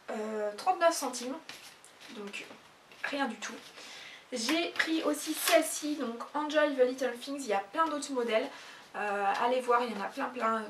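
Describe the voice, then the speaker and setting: A woman's voice: on the high side, a bit bright, slight background noise. A woman chatting casually in a haul video, hesitating often with fillers. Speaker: YouTuber. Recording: echoey room, mic at a distance.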